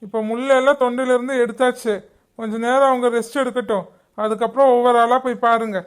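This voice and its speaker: Someone doing a flat, even cartoon doctor giving orders. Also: medium pitch, fast talker, smooth, lightly acted. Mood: stern. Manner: flat, matter-of-fact. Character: calm hospital doctor.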